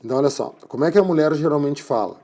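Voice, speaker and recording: A man's voice: fairly high pitch, very fast, mellow. A man giving a classroom physics lecture, explaining patiently and checking in with his students after nearly every point. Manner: explanatory, repeats tags like "tá?" and "né?". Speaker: physics teacher.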